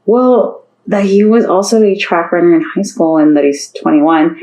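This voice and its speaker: A woman's voice: fairly low pitch, normal speed, mellow, echoey room, a little hiss or hum, close to an everyday voice, rough recording. A woman voicing a cautious, sarcastic teenage girl who answers skeptically and dryly. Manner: skeptical and dry.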